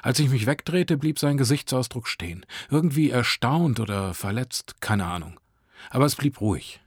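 A man's voice: medium pitch, expressive, moderate pace, slightly rough, no echo, clean studio sound. A man reading a short story aloud, narrating in a sardonic, crude first-person voice.

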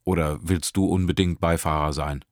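A man's voice: sits low, fairly even intonation, normal speed, no room sound, studio quality. A man voicing a talkative young woman driver who teases her passengers and laughs a lot, in an audiobook. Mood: teasing. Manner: talkative, teasing, laughing often. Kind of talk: audiobook character voice.

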